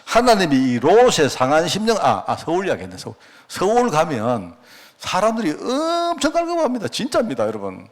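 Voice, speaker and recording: A man's voice: fairly high pitch, sing-song, a little fast. A middle-aged man, preaching a conversational sermon as a pastor, telling folksy stories with self-mocking humor and asking the congregation rhetorical questions. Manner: frequent rhetorical asides to the congregation.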